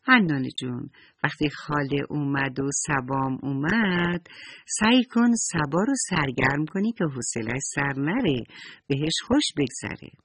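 A man's voice: on the high side, lively intonation, fairly bright tone, husky, exaggerated voice. A man voicing a kind, affectionate elderly grandmother in a children's story, speaking tenderly and coaxingly.

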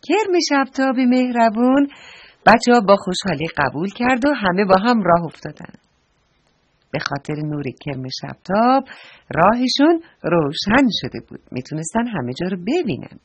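A woman narrating a bedtime story to children, talking to them directly in a gentle way. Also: medium pitch, breathy edge, no room sound, lo-fi sound. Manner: warm, addresses the children directly.

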